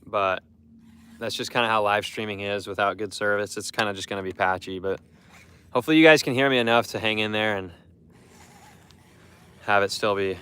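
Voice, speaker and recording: A young man live streams from a boat as he fishes on a lake, talking loosely to his chat and repeating himself as he rambles. His voice is lowish, pushed, bright and clean, fairly quick but with long pauses.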